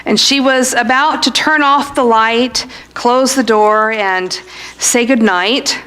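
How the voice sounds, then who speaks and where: Slow-spoken woman pastor preaching. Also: on the high side, pushed and bright, clean tone. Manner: dry humorous asides; storytelling delivery. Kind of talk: sermon.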